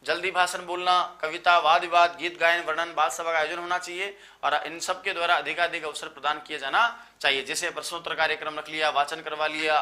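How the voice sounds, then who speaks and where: A man, tired after just waking up, teaching a live online exam-prep lecture and listing terms in quick runs. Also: on the high side, sharp tone. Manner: explanatory, lists terms in quick runs, addresses students as sir.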